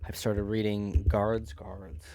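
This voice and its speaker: A man on a game stream, chatting in a loose, rambling way. He guides his co-player, restarts his sentences and often trails off quietly. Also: on the low side, flat delivery, slow pace, vocal fry, no room sound. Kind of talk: casual chat.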